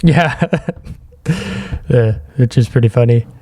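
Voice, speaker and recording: A podcast host with a mellow, relaxed, mid-range voice speaks slowly in a casual interview chat. Easygoing throughout, he shifts from brief acknowledgements to asking questions.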